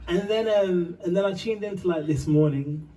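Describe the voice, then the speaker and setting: A man from Uganda and Britain rambles through a story between songs, stumbling on fillers and breaking into swears and laughs. His voice sits a little high and mellow, caught from some distance. Faint background noise hums under it. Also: moderate pace.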